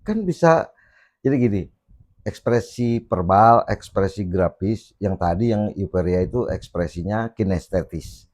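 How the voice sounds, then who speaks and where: A man talking on a casual podcast, explaining his views slowly and thoughtfully with pauses and fillers. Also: on the low side, lively intonation, darkish tone. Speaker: podcast guest speaker, [name]. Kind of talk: casual reflective podcast talk.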